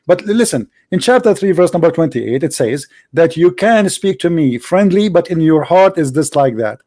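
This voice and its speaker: A man with a fairly high voice hosts a live call-in debate show and argues insistently with his caller. He repeats phrases to drive his points home. The sound is close and dry, with no room echo. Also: expressive, normal speed, mellow.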